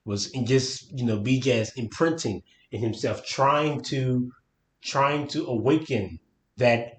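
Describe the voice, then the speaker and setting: A man's voice: mid-range voice, unhurried, a little hiss or hum. A man thinking aloud in an echoey room. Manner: searching for words, thinking aloud. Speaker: podcast co-host. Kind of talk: casual book-discussion chat. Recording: roomy echo.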